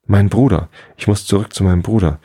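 A man's voice: lowish voice, quick pace, mellow, no room sound, studio quality, close to an everyday voice. A man voicing a curious, earnest young boy in a bedtime story reading. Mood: wondering.

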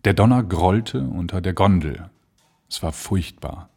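Husky, expressive male storyteller. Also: sits low, a little slow. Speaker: audiobook narrator. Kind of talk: scripted narration.

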